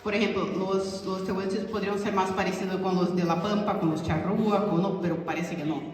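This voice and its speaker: Researcher explaining results to a community, mid-pitched, rephrases constantly, far off in a big reverberant hall. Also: steady tone, brisk, darkish tone. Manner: explanatory, many restarts and fillers like "o sea" and "es decir". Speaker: researcher presenting study results. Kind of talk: informal public talk to a community audience. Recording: echoey hall heard from far off, faint noise.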